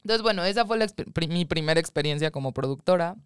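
Lively Mexican woman, crisp close voice. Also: on the low side, fast talker, no echo. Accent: Mexican Spanish. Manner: animated storytelling, acts out quoted voices. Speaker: guest, film producer. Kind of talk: casual interview chat.

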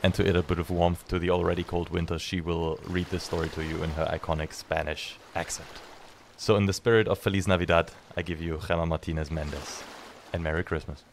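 A man hosting a podcast, giving a relaxed introduction with a few ums. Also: sits low, brisk, slight background noise. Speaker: podcast host. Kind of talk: casual introduction.

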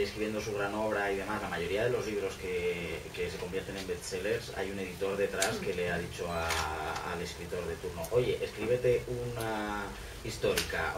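Chatty man in a roomy café, heard from afar. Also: low-pitched. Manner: chatty, many fillers and restarts. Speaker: author on a panel. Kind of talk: casual panel talk. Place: small bookshop café, indoors. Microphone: far camera. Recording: roomy, distant, noisy room.

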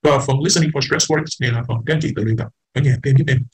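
A man's voice: medium pitch, fast, slightly rough, low-quality recording. A man teaching an English class, explaining patiently, repeating words and mixing English terms into his talk. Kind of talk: online class lecture.

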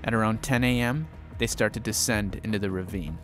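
A man's voice: fairly low pitch, fairly quick, fairly bright tone, soft background music. A man hosting a history channel, narrating a battle in a casual, conversational storytelling way.

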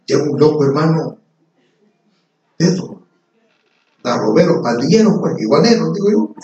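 Pastor preaching high and animated. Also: male voice, normal speed, slight background noise. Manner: animated preaching, calling listeners "brother" again and again. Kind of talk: sermon. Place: church service before a congregation. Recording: echoey church hall, mic far off, dull lo-fi sound, congregation audible.

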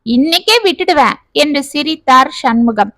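A woman storyteller narrating a family story in a steady, matter-of-fact way. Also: sits high, normal speed, dry recording.

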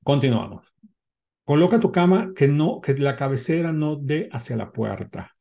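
A man's voice: fairly high pitch, animated, normal speed, vocal fry, dark tone. A man in his fifties, host of a self-help channel, talking straight to the camera and giving instructions, repeating his points and checking in with the listener. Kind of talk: direct-to-camera advice talk. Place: indoor room, seated before a window backdrop.

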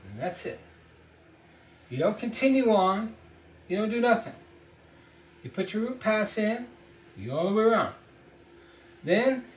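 A middle-aged man with a high-sitting voice teaches ship fitting as a welding lesson at a whiteboard in a small room, talking bluntly and emphatically through the steps and repeating points. He's recorded from a distance by a camera mic a few feet away, sounding off-mic in a roomy echo.

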